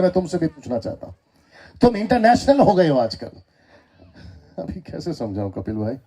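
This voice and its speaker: A man with an Indian accent giving a lively sermon in a church hall, teasing the crowd and calling for answers back. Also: high-pitched, husky. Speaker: preacher. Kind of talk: sermon with call-and-response.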